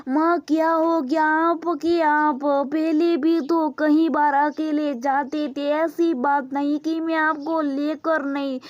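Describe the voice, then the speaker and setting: A woman voicing a young married son who pleads earnestly and slowly with his mother, for a storybook. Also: high-pitched, fairly even intonation, dry recording, lo-fi sound. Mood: pleading.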